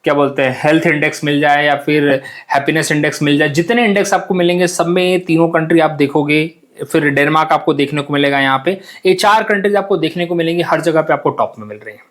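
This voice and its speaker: A young man talks through a map lesson for exam students in a relaxed, chatty way. He repeats himself, asks his listeners questions and drops English words into his talk. His voice sits a little high for a man. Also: fast talker. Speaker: exam coaching teacher.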